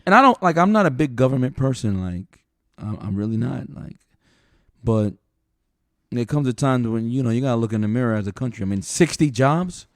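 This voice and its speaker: Gravelly, laughing male podcast co-host. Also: medium pitch, brisk, no echo, clean studio sound. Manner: animated, laughs often, thinks aloud with restarts. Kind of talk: casual opinionated chat.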